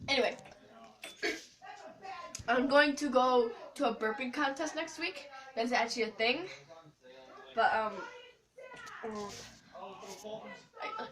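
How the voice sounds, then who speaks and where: Her slightly high voice moves slowly with long pauses as the young school-age host rambles through a silly, scattered, playful vlog to camera. Crowd noise sits in the background, and the distant mic picks up noise and clicks.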